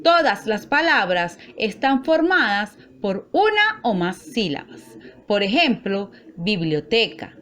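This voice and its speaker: Slow-spoken woman teaching, lively pitch. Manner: slow, careful, spelling out syllables. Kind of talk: recorded classroom lesson.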